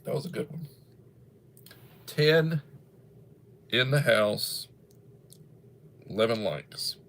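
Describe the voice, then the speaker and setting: A livestream host in his early sixties chats casually and folksily, rambling as he reads viewer comments aloud. His medium-pitched voice is a bit bright, with lively intonation, and he takes things slowly.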